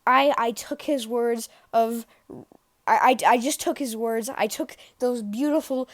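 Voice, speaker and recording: A woman's voice: a little high, steady tone, a little slow, no room sound, clean studio sound. A woman vlogger rambling through a goofy, sarcastic, mock-defiant comedy story.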